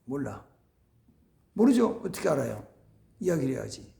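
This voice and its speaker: A man preaching a sermon as pastor, animated, acting out family dialogues and dropping to near-whispers for emphasis. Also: medium pitch, moderate pace, creaky, roomy sound. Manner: animated, acts out family dialogues in shifting voices. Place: church sanctuary.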